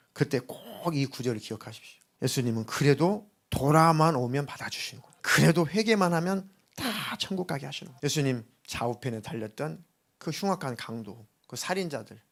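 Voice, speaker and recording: A male pastor preaching a sermon in an earnest, urging manner, now and then acting out quoted voices. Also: medium pitch.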